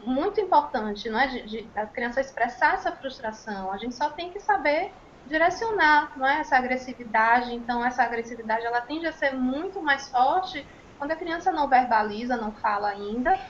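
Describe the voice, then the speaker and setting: A woman with a Brazilian Portuguese accent and a high-pitched, expressive voice speaks on a panel as a child and speech therapist. She explains in a measured way, using frequent tag questions. The recording is muffled and slightly noisy.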